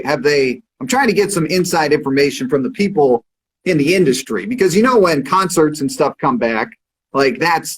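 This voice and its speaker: A man's voice: fairly high pitch, poor audio. A man hosting a casual radio livestream interview, easygoing and full of fillers and agreeing noises. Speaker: radio host.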